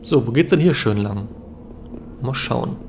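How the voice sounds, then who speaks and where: A man's voice: mid-range voice, expressive, measured pace, gravelly, a little mellow. Young man, casual game commentary, faint noise. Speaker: let's player. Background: game ambience.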